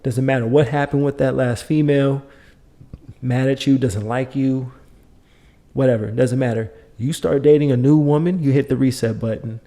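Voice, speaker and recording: Middle-aged male podcast host; mid-pitched, warm dark timbre; emphatic, repetitive, lecturing delivery. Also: steady tone, normal speed. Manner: emphatic, lecturing, repeats points. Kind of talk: opinionated monologue.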